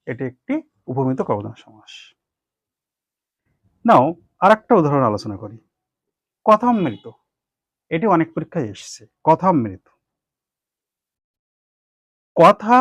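A man with a Bengali accent gives a grammar lesson in a fairly high voice. He repeats each term, poses questions and answers them himself. The recording is dry and somewhat muffled. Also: dry recording. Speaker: grammar teacher.

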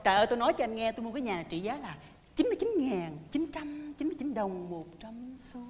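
A woman with a Southern Vietnamese accent trades quick, exclaiming lines in a stage comedy sketch, her voice high. She scolds with indignation, and her voice rings through a reverberant hall. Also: big pitch swings, darkish tone. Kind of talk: comic stage sketch dialogue. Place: large hall on stage before a live audience. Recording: live hall recording.

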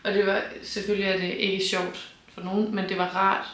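Sitting next to her partner in a bright room, a vlogger in her twenties talks frankly and openly to a camera on a tripod, laughing lightly now and then. Her medium-pitched voice stays fairly level, and the room adds a noticeable echo to this casual personal chat.

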